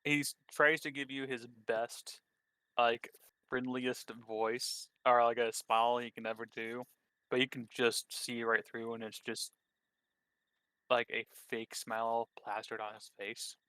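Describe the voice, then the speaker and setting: A man's voice: medium pitch, flat delivery, a little slow, pushed and bright, clean tone, no room sound. A man narrating as game master of a tabletop game, hesitant, with many fillers and restarts.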